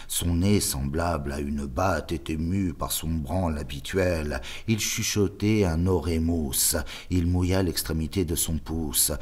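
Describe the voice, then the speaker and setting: Man, very low voice, slow, dramatic literary reading, lingering. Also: husky. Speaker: reader.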